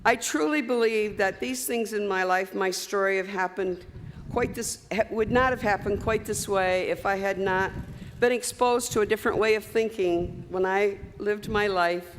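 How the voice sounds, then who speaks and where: A woman's voice: mid-range voice, normal speed, slight background noise. An older woman giving a commencement speech, telling folksy stories with asides to the graduates. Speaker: commencement speaker. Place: large hall at a graduation ceremony. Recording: reverberant hall with faint ambience.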